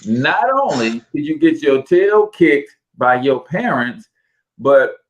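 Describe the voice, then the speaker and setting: A man's voice: on the high side, slow pace, muffled recording. Forty-something man hosting a podcast. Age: 40s. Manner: animated, folksy storytelling with church phrases. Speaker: podcast host. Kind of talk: casual podcast chat.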